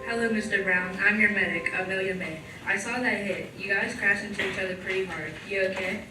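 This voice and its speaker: A woman playing a calm, attentive young sports medic in a stage play. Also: medium pitch, fairly quick, over music, close to an everyday voice. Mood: concerned. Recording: echoey hall, distant, noisy.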